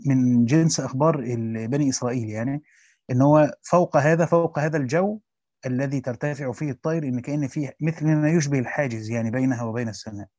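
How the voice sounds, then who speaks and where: Guy reading old commentary out loud quick, breaks off to explain, flat muffled dry audio. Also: medium pitch, dry recording. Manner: reads fast, stops to explain in Egyptian Arabic. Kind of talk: reading a classical text aloud with spoken asides. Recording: dull dry lo-fi recording.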